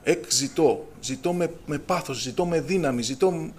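Raising his voice on scripture and calling out to his congregation in call-and-response fashion, this middle-aged man delivers a fervent Pentecostal sermon. His voice is a little high with a darkish tone, and there's a little hiss or hum in the recording.

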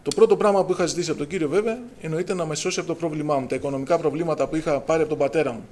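A man's voice: a little high, steady tone, a little mellow. A middle-aged man preaching a fervent Pentecostal sermon, raising his voice when he quotes scripture and calling out to his listeners. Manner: fervent, preacher's call-and-response, raises voice on scripture.

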